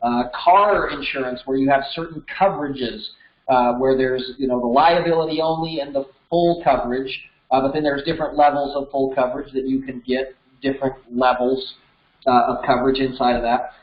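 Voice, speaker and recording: This instructor is an American man in his thirties with a medium-pitched, brisk voice and fairly even intonation. He explains things step by step in a relaxed, conversational lesson, recorded with a roomy echo and a slightly dull quality.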